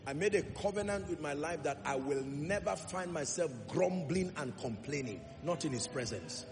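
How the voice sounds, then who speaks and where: A man preaching a sermon, emphatic, building through repeated phrases and dropping to a low earnest tone. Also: animated, normal speed, noisy background. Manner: emphatic, rising repetitions, shifts between loud exhortation and low earnest tone. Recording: long hall reverb with faint music.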